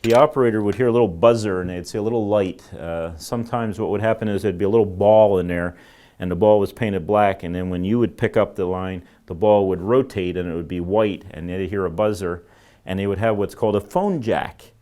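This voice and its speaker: Male instructor, lowish voice, loose and chatty, lots of ums. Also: fairly quick. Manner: relaxed, rambling, many fillers and restarts. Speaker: telecom instructor. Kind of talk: informal classroom lecture.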